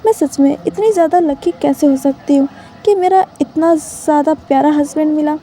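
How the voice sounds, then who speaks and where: Storybook mother, fretful and affectionate, read by a woman; high, mellow voice. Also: normal speed, lightly acted. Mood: fond. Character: caring, anxious young mother.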